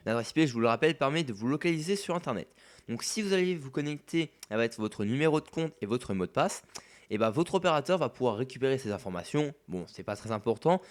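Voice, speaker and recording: A man giving a step-by-step voice-over tutorial in a relaxed, casual way, with occasional fillers. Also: mid-range voice. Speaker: tech YouTuber. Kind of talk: screen-recording tutorial voice-over.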